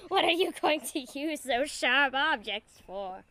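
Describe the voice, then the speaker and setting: A woman's voice: high-pitched, animated, a little slow, pushed and bright, pitched above the performer's own voice, exaggerated voice. A young woman putting on a sweetly sinister, sing-song meditation guide voice. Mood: creepy sweet.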